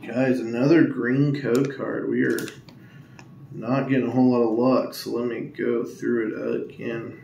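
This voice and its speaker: A man talking quietly and in a flat monotone while opening trading card packs at home, rambling with many ums and uhs in a casual vlog. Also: medium pitch, unhurried, gravelly, dull audio. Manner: monotone, hushed tone to avoid waking others. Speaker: Pokemon card opening YouTuber. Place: at home indoors. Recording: echoey room with faint ambient noise.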